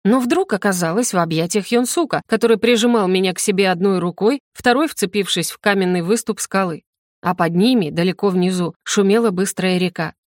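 A woman reading first-person audiobook narration in an even, measured way. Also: medium pitch, no room sound, studio quality. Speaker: audiobook reader.

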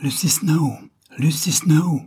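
A man's voice: mid-range voice, normal speed, dark tone, slight background noise, lightly acted. A man voicing a vain, flighty eighteen-year-old schoolgirl who gushes and boasts. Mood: gushing. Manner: boastful, gushing, a little hysterical.

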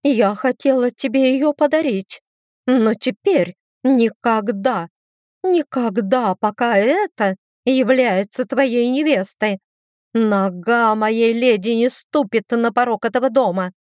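A pampered, shrill young demon girl, as a woman narrator puts her on, pushing every line up high into squealing outrage. Her voice is dry and close, with no room at all around it. She sounds endlessly offended by everyone around her. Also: slow pace, a little mellow, no room sound. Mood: indignant. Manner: indignant, squealing exclamations. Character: haughty shrill young female demon sister.

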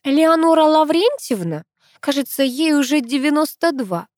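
A woman voicing a nervous young woman who squeaks when she lies. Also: sing-song, normal speed, a little mellow, dry recording, studio quality. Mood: flustered. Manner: squeaky, flustered. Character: nervous young woman, the narrator, bad at lying.

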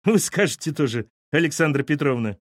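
Dude doing a scoffing sarcastic mother-in-law, high and bouncy, brushes everything off. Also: animated, fairly quick, dry recording, studio quality. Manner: sarcastic, dismissive. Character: snorting skeptical middle-aged mother-in-law.

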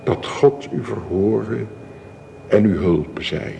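Here the minister's voice sits on the low side and comes across exaggerated, mellow and gravelly as he conducts a wedding in a radio play. His delivery is solemn, formal, measured and very slow, wrapped in long church-like reverb and a bit of hiss.

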